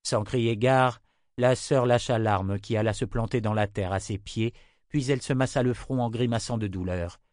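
A man narrating a fantasy novel as an audiobook in a steady, measured way. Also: medium pitch, no room sound, clean studio sound.

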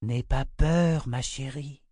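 A soft, coaxing mother calms her frightened little girl, as a man reading a storybook puts her on. Her voice sits a little higher than a man's usual speech and stays calm and unhurried. The recording is close and dry. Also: no room sound, lightly acted. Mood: soothing. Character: gentle, reassuring mother of a young girl. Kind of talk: audiobook character reading.

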